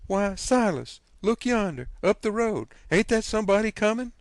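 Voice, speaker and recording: A fussy, excitable older farm wife, as a man puts her on, her voice pitched up high and gushing in quick breathless runs. Her tone has a gravelly edge, and the sound is dry and close. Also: no echo. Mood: excited.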